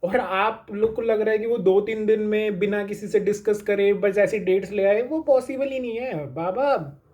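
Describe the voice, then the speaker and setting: A man's voice: high voice, normal speed, darkish tone, muffled recording. A man giving a casual pep talk to exam students, reassuring them and repeating his points, with English phrases mixed into his talk. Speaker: exam coaching YouTuber.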